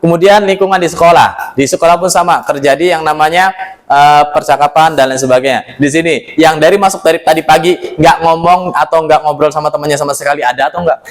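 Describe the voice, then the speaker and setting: A man teaching a classroom lesson in a lively way. He keeps questioning his students and mixes in religious exclamations and light jokes. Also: a little high, fast, rough recording.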